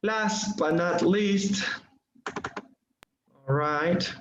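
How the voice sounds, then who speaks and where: Male teacher, slow and hesitant delivery with fillers; dull, echoey recording with faint hiss. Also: high-pitched, fairly bright tone. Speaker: English teacher. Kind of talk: online class explanation. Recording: muffled echoey room, faint noise.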